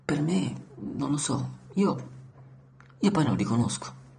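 A man's voice: fairly high pitch, lively intonation, slow pace, creaky, a little mellow, a little hiss or hum, heavily acted. A man doing an anxious young woman. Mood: worried. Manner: raised, worried, hesitant.

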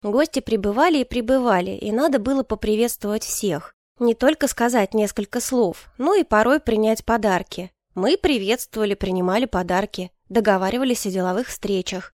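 A woman reading a first-person story aloud in a calm, wry way. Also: medium pitch, moderate pace, hardly any pauses, no echo, clean studio sound. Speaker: audiobook narrator. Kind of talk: first-person scripted narration.

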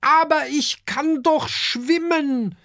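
A man's voice: extremely high pitch, slow pace, bright, forceful tone, no echo, studio quality, voice pushed up, exaggerated voice. Man doing a proud little dragon boy. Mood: eager, proud. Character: boastful little dragon boy who can swim.

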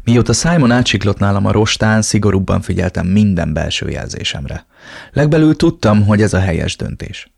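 A man's voice: lowish voice, lively intonation, creaky, a little mellow, husky, no echo, studio quality. A man narrating a novel in the first person in a brooding, inward way. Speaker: audiobook narrator.

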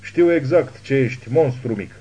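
A man voicing a crazed, hateful old woman who spits forceful accusations in an audiobook. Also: mid-range voice, muffled recording, slight background noise, close to an everyday voice. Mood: menacing.

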